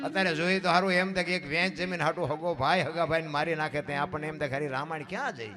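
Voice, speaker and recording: A man giving a dayro storytelling sermon, moving between soft musing and loud impassioned declaiming, and putting questions to his audience. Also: on the high side, fairly even intonation, fast. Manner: asks the audience questions directly. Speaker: folk storyteller. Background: guitar music.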